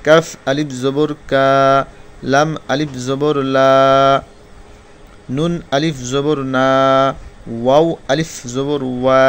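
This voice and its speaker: A man teaching Quran reading, spelling out Arabic letters slowly one by one and explaining the rules more quickly. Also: mid-range voice, smooth. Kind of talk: spelling-out recitation lesson.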